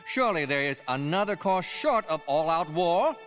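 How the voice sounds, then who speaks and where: High-voiced, pompous colonial senator. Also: male voice, sing-song, normal speed, fairly bright tone. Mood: stern, impassioned. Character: pompous, stern colonial delegate pleading against war. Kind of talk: animated history cartoon acting. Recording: music behind the voice.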